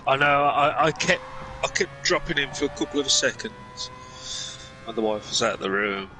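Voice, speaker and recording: A man's voice: medium pitch, animated, moderate pace, over music. A man chatting along as a co-commentator on an online race, making dry, teasing remarks. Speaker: co-commentator and fellow racer. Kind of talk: casual banter. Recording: noisy game audio behind voice.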